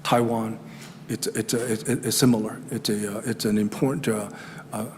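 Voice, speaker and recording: A man's voice: fairly low pitch, little pitch movement, moderate pace, darkish tone. A middle-aged man with a Chinese accent giving a formal presentation to a town council, speaking hesitantly with many fillers and restarts. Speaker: regional economic development presenter. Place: council chamber. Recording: hall reverb with faint room noise.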